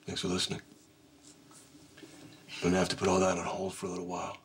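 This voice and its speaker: An actor playing a brooding, guarded man in a TV soap, speaking in a halting, understated, serious way. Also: sits low, completely flat delivery, a little hiss or hum, lightly acted. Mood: resigned. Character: brooding, guarded man carrying an old grudge. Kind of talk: naturalistic TV soap drama acting.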